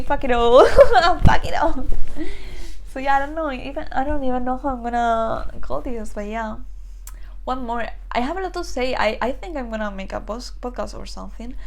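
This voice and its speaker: A woman's voice: medium pitch, rough recording. A woman in her twenties talking in a casual personal vlog, nervous and rambling, restarting often and swearing freely. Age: 20s. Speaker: channel host.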